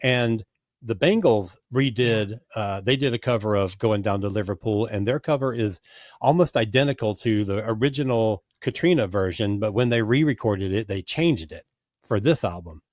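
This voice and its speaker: A man's voice: on the low side, normal speed, darkish tone, no echo, clean studio sound. A man hosting a music podcast, walking through albums in an organized, informative way. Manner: organized, informative, steers the show. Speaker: podcast host. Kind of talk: casual chat.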